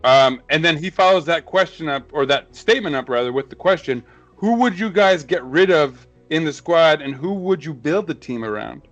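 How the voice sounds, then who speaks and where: A man's voice: on the high side, normal speed, faint music behind. A man hosting a football podcast, an English teacher, talking loosely with lots of fillers, laughs and swearing. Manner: animated, laughs often, swearing, many fillers. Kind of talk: casual podcast chat.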